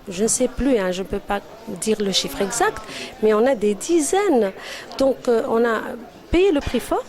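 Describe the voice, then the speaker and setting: A woman's voice: mid-range voice, darkish tone. A woman from Algeria, giving testimony as an interview guest in an emphatic, insistent manner. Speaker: interview guest, former university teacher.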